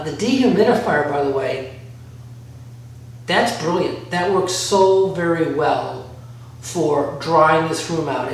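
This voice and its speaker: A man giving a casual instructional walk-through, rambling a little as he thinks aloud. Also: on the high side. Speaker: DIY vlogger. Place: bare concrete-floored workshop room by a garage. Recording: very echoey room, distant mic, faint noise.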